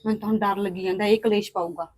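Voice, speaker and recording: A woman's voice: mid-range voice, fairly even intonation, darkish tone, a little hiss or hum, lightly acted. An actress playing a worried adult daughter who scolds her brother in a family drama. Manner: argumentative, quick to scold. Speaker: daughter and sister. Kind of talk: scripted family drama acting.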